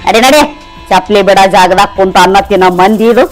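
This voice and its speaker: A woman's voice: medium pitch, fairly quick, soft background music, lightly acted, poor audio. An actress playing a scornful, rich village stepmother-in-law, speaking with a North Karnataka accent. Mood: contemptuous. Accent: North Karnataka Kannada. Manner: taunting, contemptuous. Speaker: actor.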